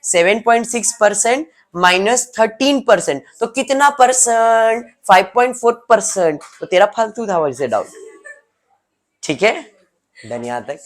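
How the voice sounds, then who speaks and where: A man's voice: high-pitched, expressive, normal speed, a bit bright. A male teacher gives a classroom lecture, explaining step by step and teasing students by name.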